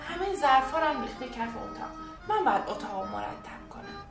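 A woman's voice: high voice, sing-song, pitched above the performer's own voice. A woman doing a little girl dodging bedtime. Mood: pleading. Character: young girl afraid of bedtime. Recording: echoey room, distant, faint music.

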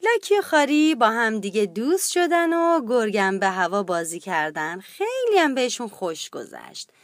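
A woman narrating a children's storybook in a gentle, expressive read-aloud way. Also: fairly high pitch.

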